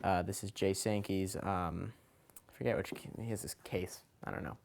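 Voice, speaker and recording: A man's voice: low voice, fairly even intonation, normal speed, creaky, a little mellow. A man talking casually as a children's magician, explaining his kit item by item in an informal, loosely improvised, hesitant way. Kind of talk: casual show-and-tell explanation.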